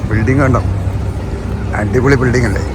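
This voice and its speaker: A man's voice: mid-range voice, brisk, a loud crowd. Malayali man vlogging, English mixed in, noisy street. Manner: mixes English words into Malayalam; chatty, tags remarks with short questions to viewers. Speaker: travel vlogger. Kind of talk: casual travel vlog commentary. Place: outdoors on city streets. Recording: noisy outdoor street and traffic ambience.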